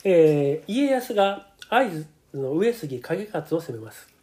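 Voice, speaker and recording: A man's voice: fairly high pitch, very animated, slow, darkish tone. Middle-aged Kansai man explaining history politely. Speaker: podcast co-host.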